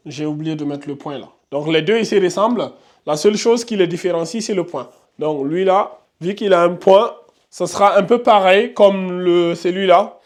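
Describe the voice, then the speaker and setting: Patient teacher, higher-pitched man. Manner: repetitive, patient, thinks aloud with fillers. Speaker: Arabic and Quran reading teacher. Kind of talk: online lesson, writing on a board while explaining.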